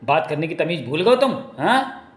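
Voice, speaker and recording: A man's voice: on the high side, sing-song, normal speed. A man voicing a haughty male chief minister who scolds with scorn. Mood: scolding. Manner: scolding, pompous. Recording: echoey room.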